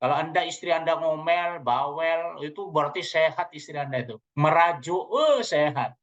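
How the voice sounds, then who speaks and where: A man's voice: a little high, moderate pace, a bit bright. A man giving a playful seminar talk, teasing the audience and speaking to them directly, recorded on a dull lo-fi track. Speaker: seminar trainer. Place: seminar room.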